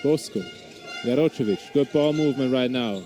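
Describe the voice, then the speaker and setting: A non-native English speaker with a Swiss German accent gives live basketball play-by-play over music, often hesitating and restarting. His voice is mid-range and his pace moderate.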